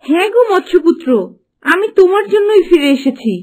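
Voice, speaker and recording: A woman voices a devoted, cunning young golden fish wife in a Bengali fairy-tale cartoon, sounding sweet and coaxing with a theatrical delivery. Her very high-pitched voice is expressive, brisk and darkish in tone, with faint music behind it.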